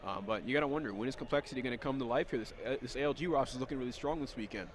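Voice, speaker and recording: Male esports caster, rapid energetic play-by-play, mid-pitched voice, faint background hum; live tournament commentary. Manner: fast, energetic play-by-play with self-corrections.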